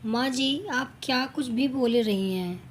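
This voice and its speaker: A woman's voice: sits high, a little slow, slight background noise. A woman voicing a patient young daughter-in-law who speaks politely and pleadingly.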